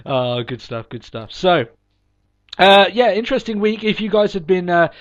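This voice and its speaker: A podcast host with a cold sounds sniffly as he chats in an upbeat, rambling way, full of ums and restarts. His high voice has lively intonation and a moderate pace, and the podcast recording is dull and lo-fi.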